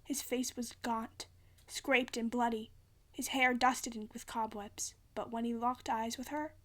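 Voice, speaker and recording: A woman with a high voice narrates a story as an amateur reader. Her delivery is theatrical and dramatic, and she often trips and rereads a phrase. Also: steady tone, measured pace, a bit bright.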